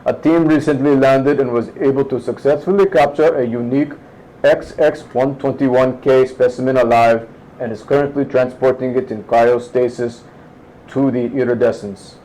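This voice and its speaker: A man's voice: medium pitch, steady tone, mellow, natural voice, rough recording. A man putting on a grave Russian starship captain. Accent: put-on Russian. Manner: formal, slow, dramatic log reading. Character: stern Russian male starship captain in computer logs.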